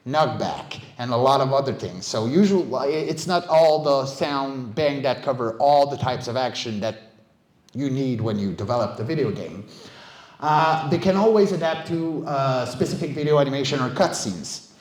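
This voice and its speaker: This casual conference talk comes from a middle-aged vocal stunt performer and director, invited as a guest speaker, recorded live in a roomy, echoey room. His medium-pitched, darkish voice moves at a normal speed with lively intonation, emphatic and conversational, and he keeps checking with his listeners.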